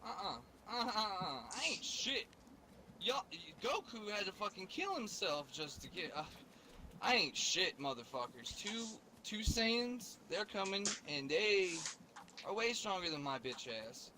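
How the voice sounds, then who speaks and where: A man's voice: high voice, expressive, unhurried, bright, forceful tone, slight background noise, voice pushed up, exaggerated voice. A man voicing a cocky, beaten alien warrior who taunts his enemies in profane slang. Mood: taunting.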